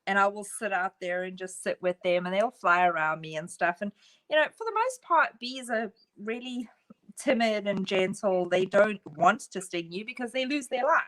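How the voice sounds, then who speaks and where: A woman co-hosting a casual chat, relaxed and laughing often as she tells a story. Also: mid-range voice, moderate pace. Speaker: co-host.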